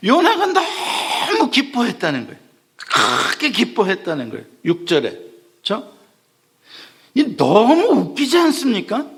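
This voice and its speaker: A man's voice: high-pitched, fairly bright tone. A man preaching a Sunday sermon as pastor, asking the congregation questions and acting out the lines he quotes. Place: church sanctuary.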